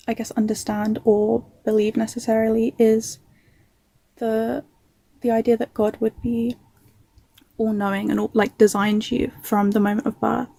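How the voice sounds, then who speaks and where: A woman's voice: on the high side, creaky, mellow, breathy edge, no echo, poor audio. A woman from England asking hesitant, thoughtful questions in a casual conversation about faith. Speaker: passerby questioned in debate.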